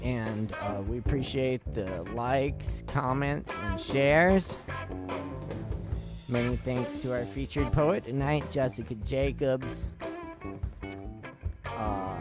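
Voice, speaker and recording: Man, open mic host, laid-back, crowd hype, guitar music behind. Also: medium pitch. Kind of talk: live-stream hosting.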